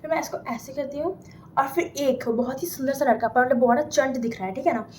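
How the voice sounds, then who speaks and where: A woman's voice: sits high, fairly quick, darkish tone, slight background noise. A young woman from India casually telling a made-up story, chatty and often asking "theek hai?" as she goes. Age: young adult. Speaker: vlogger telling an imagined story. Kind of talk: casual storytelling, Hindi mixed with English.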